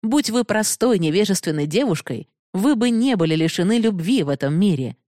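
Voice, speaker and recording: A woman's voice: mid-range voice, expressive, brisk, dark tone, no echo, studio quality, pitched above the performer's own voice, lightly acted. A woman voicing a stern, upright young man who lectures firmly and holds back his feelings. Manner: firm, lecturing.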